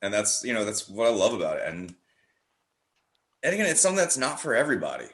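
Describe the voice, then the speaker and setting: A man with a fairly low, fairly bright voice swings hugely in pitch and speaks at a quick pace. He's a horror theatre director chatting casually as a podcast guest, enthusiastic and rambling, acting out quotes, with an echoey room sound.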